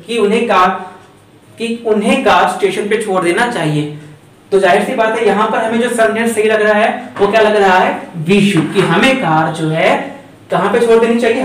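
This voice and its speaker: A man's voice: sits high, distant mic. Echoey man teaching grammar. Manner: chatty, repeats points, asks and answers himself. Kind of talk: lecture. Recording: echoey room, voice from off the mic.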